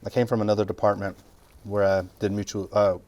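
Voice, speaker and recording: A man's voice: on the low side, little pitch movement, fairly quick, darkish tone, highs cut off. A middle-aged man, a fire captain joking through a casual interview. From Texas Panhandle. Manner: joking, self-deprecating, talks while chewing.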